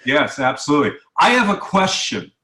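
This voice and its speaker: A man's voice: fairly high pitch, very animated, brisk, bright, forceful tone, reverberant. A man hosting a radio interview show, chatting casually with lots of fillers and repeated words. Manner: conversational, with many fillers and repeats.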